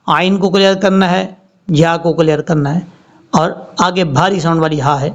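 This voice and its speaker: High-voiced man teaching Quran recitation. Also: steady tone. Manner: slow drawn-out recitation between plain explanations. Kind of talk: word-by-word Quran recitation lesson. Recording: dull lo-fi recording.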